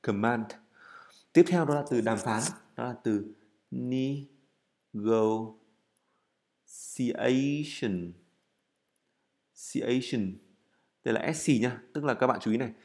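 A man teaching English in a recorded lesson, explaining step by step while writing, with frequent fillers and self-corrections, and drilling words by repeating them slowly. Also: medium pitch, darkish tone.

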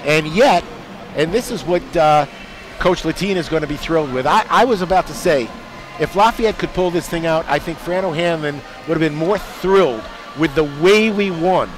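A man giving chatty color commentary over game highlights. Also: normal speed.

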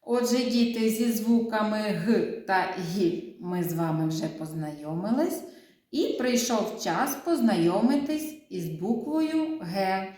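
A woman's voice: medium pitch, expressive, a little slow, darkish tone, reverberant. A woman teacher giving a phonics lesson to young children, sounding out each syllable and sound with care.

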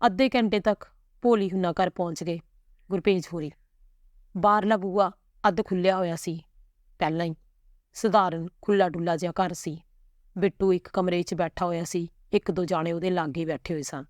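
Woman reading a family story, low voice, very dry close sound. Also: fairly even intonation, moderate pace, a little mellow, dry recording. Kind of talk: scripted story narration.

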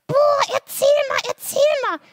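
A woman's voice: extremely high pitch, normal speed, voice pushed up. A woman voicing a cheerful, giggly puppet boy in a children's church show. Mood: eager. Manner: excited, giggling.

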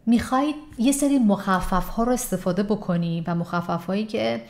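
A woman giving a casual English lesson, explaining quickly and slowing down to model example sentences. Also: mid-range voice. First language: Persian. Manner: explains lively, slows down to model English phrases. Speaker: English teacher.

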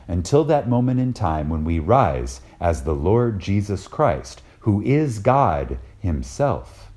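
With a low-pitched, dark-toned voice, a man reads out a spiritual lecture. His delivery is reverent and dramatic, deliberate and emphatic, with pauses placed for effect.

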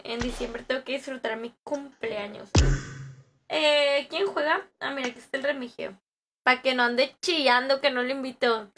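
A woman's voice: high-pitched, background noise. A young woman, chatting casually on a game stream, joking and greeting viewers as she reads their messages. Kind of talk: casual live-stream chat.

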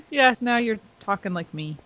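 A woman's voice: fairly high pitch, heavy background noise. A woman playing a game with friends, curious and giggly, asking lots of questions. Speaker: game co-player. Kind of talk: casual gameplay chat.

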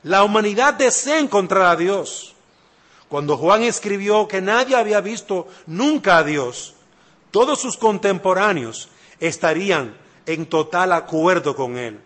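A man's voice: high voice, animated, a little slow, a bit bright. A man preaching a sermon, emphatic and repeating key phrases, speaking straight to the listener. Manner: addresses listener directly.

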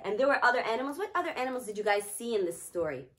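Woman hosting children's storytime, animated, fairly high voice. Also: very fast. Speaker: storytime host. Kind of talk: reading aloud to children.

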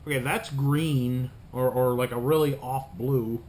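A man in his thirties reviewing sour candy as he eats it, talking casually with hesitant pauses in a small room at home. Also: medium pitch, steady tone, a little mellow. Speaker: candy reviewer, video host. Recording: room noise, home camera recording.

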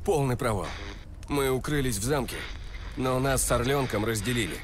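A man's voice: medium pitch, normal speed. A man voicing a tense agent reporting by field radio, his call breaking up and dropping out. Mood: urgent. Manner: urgent, clipped radio report. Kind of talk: game dialogue. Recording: distant, crackly radio with noise.

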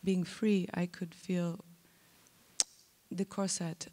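A woman's voice: fairly low pitch, flat delivery, slow, mellow. A woman actress speaking candidly and playfully on a theater stage into a handheld mic, often restarting her sentences. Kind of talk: festival panel talk.

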